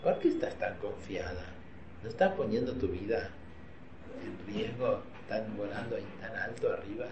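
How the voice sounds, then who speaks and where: A man's voice: lowish voice, moderate pace. A man with an Argentine accent gives a religious teacher's informal lecture to a class of women, constantly quizzing them with questions. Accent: Argentine Spanish. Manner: chatty, keeps quizzing the audience with questions. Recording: roomy, slightly dull recording with faint hum.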